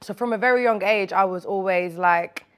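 A woman's voice: mid-range voice, moderate pace, a bit bright, clean tone. A woman from Birmingham with a local accent, talking casually and in slang as an interview guest. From Birmingham, England. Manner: slangy, informal. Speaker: music artist being interviewed. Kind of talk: casual chat and personal storytelling.

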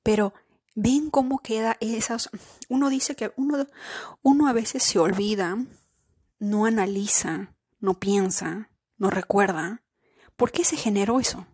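A woman's voice: mid-range voice, unhurried, a little mellow, slightly rough, no echo, studio quality. A woman in her thirties hosting a podcast, telling a personal story in a chatty way, speaking straight to her listeners and repeating words as she searches for them. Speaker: podcast host.

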